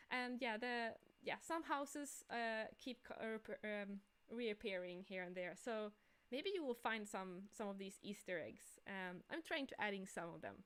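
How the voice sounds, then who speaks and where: On this informal livestream, the artist and game creator speaks with a fairly high, slightly bright voice that rings clear and resonant. She chats enthusiastically about her own creative projects.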